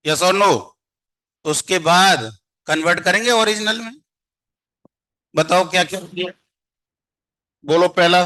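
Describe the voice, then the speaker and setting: A man's voice: high voice, pushed and bright. A man teaching a math class, constantly quizzing and coaxing his students to answer. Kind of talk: classroom lecture.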